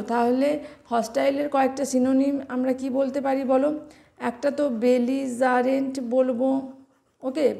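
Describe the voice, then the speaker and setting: A woman with a Bengali accent teaching vocabulary for exam prep, explaining meanings and spelling words out slowly letter by letter. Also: sits high, gravelly, dark tone.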